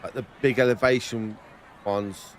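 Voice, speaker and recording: A man's voice: lowish voice, fairly even intonation, measured pace, crowd noise. A man chatting casually in short, informal remarks. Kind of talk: casual chat.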